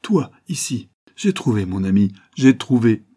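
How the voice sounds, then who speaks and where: A man voicing an excitable, absorbed male scientist in an audiobook reading, with eager exclamations. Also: low voice, moderate pace, slightly rough. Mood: excited.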